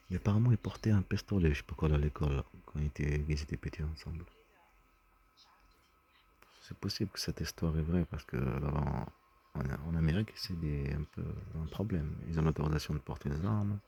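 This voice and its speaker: A man's voice: rumbling low, a little fast, gravelly, warm tone, husky. A man talking in a rambling personal monologue, agitated and often stumbling over and repeating his words. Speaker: vlogger.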